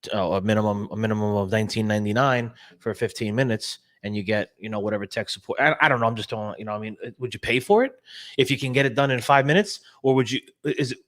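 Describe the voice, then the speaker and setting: Animated man hosting a live show. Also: fairly low pitch, fast. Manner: animated, repeats words, restarts often. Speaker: show host. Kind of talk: casual live-stream talk.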